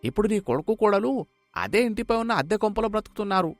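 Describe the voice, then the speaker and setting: A man's voice: high-pitched, lively intonation, quick pace, no room sound, faint music behind, voice pushed up. A man voicing a kindly older villager. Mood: grave. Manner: sympathetic, exclaiming. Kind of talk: storybook voice acting.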